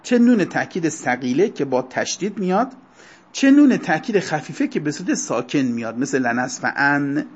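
Husky guy giving a grammar lesson, slows down on key terms, muffled lo-fi recording. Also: on the high side, sing-song, darkish tone. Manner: explanatory, lecturing to students, slow deliberate stresses on terms. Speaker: teacher. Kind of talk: Arabic grammar lecture. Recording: dull lo-fi recording.

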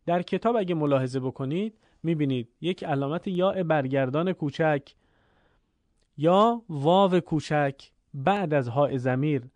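A man teaching Quran recitation, explaining rules clearly and then chanting the examples slowly and drawn out. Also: on the high side, a little mellow, no echo. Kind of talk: recorded recitation lesson.

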